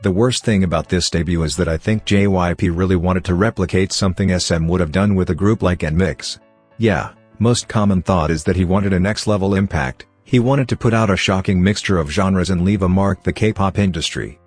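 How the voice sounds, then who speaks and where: A computer-generated male voice with a deep, slightly husky tone reads a scripted commentary. Its delivery is even and machine-like, and soft music plays faintly behind it. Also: brisk. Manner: even synthetic read-out delivery. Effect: text-to-speech robot voice. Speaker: channel host.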